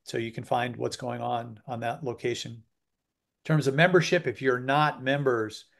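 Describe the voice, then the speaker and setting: A man's voice: mid-range voice, steady tone, normal speed, vocal fry, fairly bright tone. A man hosting an online webinar over a video call, talking loosely and chattily with lots of fillers. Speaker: webinar host. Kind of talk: casual webinar moderating.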